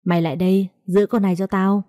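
A woman's voice: medium pitch, level tone, fast, dark tone, dry recording, studio quality, natural voice. A woman reading aloud, voicing a crude, threatening male debt-collector thug. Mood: leering. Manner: vulgar, taunting, threatening.

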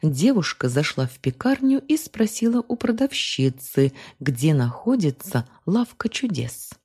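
A woman reading a short story aloud as narrator, with expressive storytelling. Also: deep voice, measured pace, breathy edge. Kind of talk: scripted audiobook narration.

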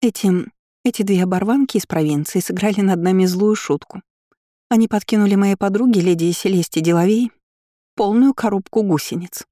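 A woman's voice: medium pitch, fairly quick, dry recording, studio quality, natural voice. A woman voicing a haughty, furious young aristocratic woman who spits threats. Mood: sugary. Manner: spiteful, shouting threats.

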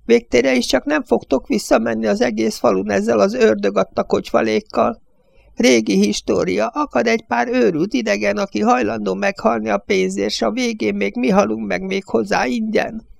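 A man reading an audiobook voices an angry, fearful old village judge who complains in a high, bleating voice. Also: fairly even intonation, gravelly, no echo, full character voice.

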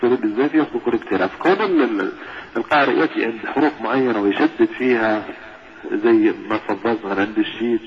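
Guest scholar: man, mid pitch, explanatory, quotes scholars, dull lo-fi audio with faint hiss. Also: fast talker. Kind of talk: explaining recitation rules. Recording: muffled lo-fi broadcast audio.

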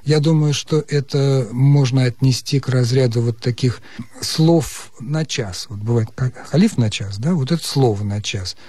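A man who is a language expert, explaining listeners' questions on a radio call-in show in a measured, precise, lecturing way. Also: mid-range voice, mellow, no echo. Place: radio studio.

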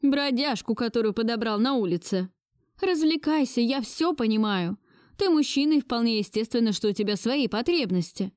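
A domineering elderly grandmother, imperious and shrill, acted by a woman reading an audiobook. Her voice sits high and cutting, recorded dry and close with no room around it. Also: animated, normal speed, darkish tone, no room sound, close to an everyday voice.

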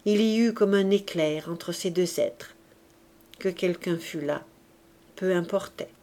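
A woman narrating a classic novel aloud in a measured, expressive reading voice. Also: fairly low pitch. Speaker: audiobook reader. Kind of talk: literary narration.

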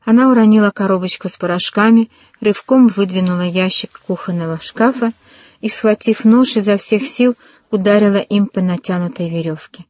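A woman narrating an audiobook in a measured, dramatic storytelling manner. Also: medium pitch, a little mellow, dry recording.

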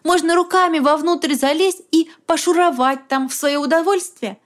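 A woman's voice: sits high, pitched above the performer's own voice. A woman reading an audiobook, voicing a distraught young woman of twenty-eight who talks in an agitated, pleading rush. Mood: furious. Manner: agitated, pleading, fast hot whisper. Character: upset young woman, 28, shrill and furious. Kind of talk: audiobook character voice.

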